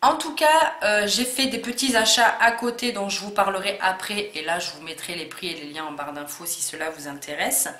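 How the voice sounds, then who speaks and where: A woman's voice: mid-range voice, brisk, few pauses, pushed and bright. A woman chatting through a casual unboxing vlog, hesitant, with many fillers and restarts. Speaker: beauty vlogger. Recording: echoey room with faint noise.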